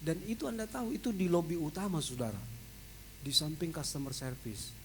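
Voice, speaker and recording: A male pastor, telling a story in a lively, animated sermon in a large church. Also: fairly high pitch, a little fast, a little hiss or hum, poor audio. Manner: lively, animated storytelling that shouts out quoted voices. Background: worship music.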